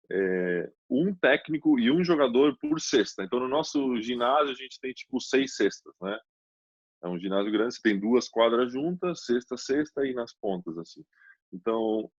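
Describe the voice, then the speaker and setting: A man who guests on a podcast and explains things calmly and steadily. His voice sits at an average pitch. The sound is dull and lo-fi, dry, with no room echo. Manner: calm, explanatory. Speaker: guest, basketball player. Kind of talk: casual podcast chat.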